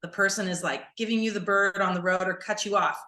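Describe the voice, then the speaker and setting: A woman yoga teacher chats on a podcast with a bright, sharp-edged voice. She is animated and mimics her panicked students. The room rings with echo. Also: medium pitch, fast. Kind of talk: casual podcast chat. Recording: echoey room.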